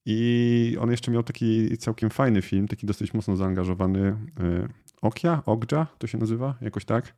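Podcast co-host, man, low voice, casual explainer. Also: normal speed, mellow. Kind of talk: casual chat.

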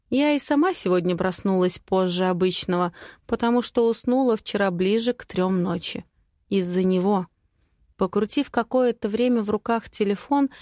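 A young woman reading a first-person audiobook with a steady, intimate voice. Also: medium pitch, dry recording, clean studio sound. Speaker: audiobook narrator.

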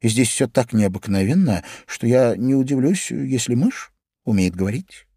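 A man's voice: mid-range voice, expressive, moderate pace, dark tone, husky, no echo, studio quality. A man voicing a polite, eager little girl in a storybook reading, with breathless, apologetic chatter. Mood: wondering.

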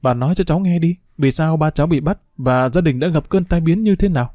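A man's voice: fairly high pitch, fast, mellow, no echo, studio quality, voice pushed up, close to an everyday voice. A man reading as a tearful young woman. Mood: pleading. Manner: pleading, emotional.

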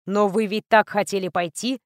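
A woman reading the lines of a cold, stern male bodyguard in a clipped, flat manner. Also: medium pitch, moderate pace, dry recording, clean studio sound, natural voice.

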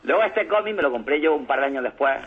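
Fast-talking husky radio host. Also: male voice, a little high. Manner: animated storyteller, acts out comic scenes. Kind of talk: casual radio chat about comics. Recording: lo-fi phone-like radio sound.

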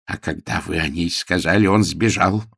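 A man playing a jumpy, stubborn suspicious gentleman. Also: low-pitched, normal speed, creaky, husky, no room sound, clean studio sound, heavily acted. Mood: insistent. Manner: insistent, agitated, stubborn. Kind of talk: audiobook character voice.

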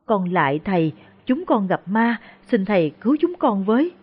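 A woman's voice: medium pitch, big pitch swings, normal speed, husky. A woman voicing a frightened, humble peasant woman who stammers deferentially. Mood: anxious pleading. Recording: dull lo-fi recording.

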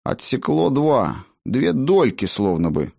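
A man voicing a gruff, bustling male dwarf tinkerer who talks in brisk, bossy bursts. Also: medium pitch, big pitch swings, a little mellow, no echo, studio quality, voice pushed up, full character voice.

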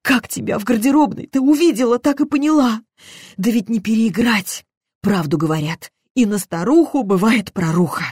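A woman's voice: fairly low pitch, normal speed, a little mellow, breathy edge, no echo, clean studio sound. A woman voicing a frightened, tearful older housekeeper who talks in plain folk sayings and sighs a lot. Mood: remorseful.

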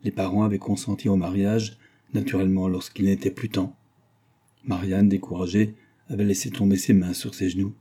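A man reads a classic novel aloud in measured, careful audiobook narration. His voice is very dark and mellow, a little low, with a husky grain. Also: flat delivery.

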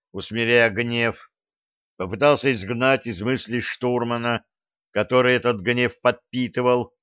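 A man narrating a science-fiction audiobook in an even, steady reading voice. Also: medium pitch, smooth, no room sound. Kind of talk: scripted narration. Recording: dull lo-fi audio.

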